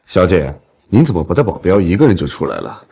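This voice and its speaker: A husky, low-voiced middle-aged official, obsequious to those above him and blustering to those below. His pitch leaps wildly as he talks in this drama series. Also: big pitch swings, quick pace, warm tone, exaggerated voice. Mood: placating. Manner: obsequious to superiors, blustering to others. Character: fawning middle-aged male chamber president.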